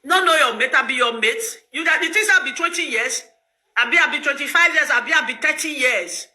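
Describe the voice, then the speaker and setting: A middle-aged Nigerian woman ranting to her viewers in pidgin, loud and laughing as she scolds. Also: sits high, fairly quick, roomy sound. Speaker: social media host. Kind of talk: animated pidgin rant to viewers.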